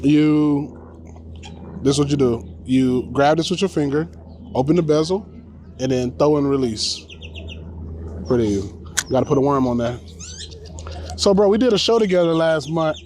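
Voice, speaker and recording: Slangy, slightly high-voiced male comedian. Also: normal speed, pauses often, darkish tone, slight background noise. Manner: loose, slangy, laughs easily. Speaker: stand-up comedian. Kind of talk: casual chat. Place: outdoors by the water, fishing.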